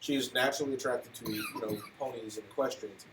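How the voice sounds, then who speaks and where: A man's voice: medium pitch, fairly even intonation, quick pace, reverberant. A man co-hosting a casual podcast, rambling through his points with lots of fillers and building to exasperated questions. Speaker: podcast co-host. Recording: distant mic, faint noise.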